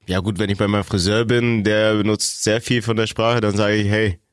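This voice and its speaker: Man, podcast co-host, casual chat, lowish voice, dry sound. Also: flat delivery, a little fast, dry recording. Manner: reads out definitions plainly.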